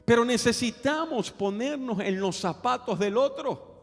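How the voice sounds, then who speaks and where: A pastor with a very high voice preaches a sermon a little slowly, telling animated stories and putting questions to his congregation. The recording is from a reverberant hall with faint music.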